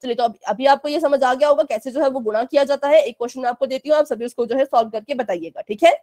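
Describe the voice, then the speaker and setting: A woman teaches fractions to children in a live online class, explaining patiently, checking understanding again and again, and firmly warning about behavior in the chat. Her voice is high and mellow, and she speaks fast.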